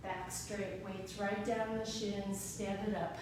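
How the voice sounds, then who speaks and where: A woman's voice: mid-range voice, flat delivery, slow. A woman leading a workout as an aerobics instructor, giving short, encouraging exercise cues. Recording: echoey room, distant mic, background noise.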